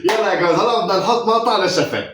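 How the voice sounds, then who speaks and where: A man's voice: sits high, very fast, a bit bright, recorded from a distance. A man, chatting casually and teasing his family during a laughing challenge. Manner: playful, teasing, laughs often. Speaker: father hosting a family reaction game. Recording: very echoey room, voice off-mic, faint noise.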